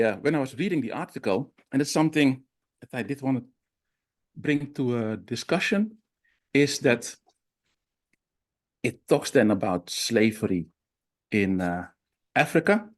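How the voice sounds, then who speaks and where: A man speaking in an online seminar discussion, halting with many fillers and restarts, heard over a video call. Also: mid-range voice. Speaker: discussion participant.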